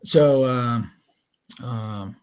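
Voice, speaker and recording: A man in his thirties from Lebanon, a guest answering interview questions in a measured way with many fillers. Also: mid-range voice, darkish tone, clear, resonant tone. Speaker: guest, township supervisor.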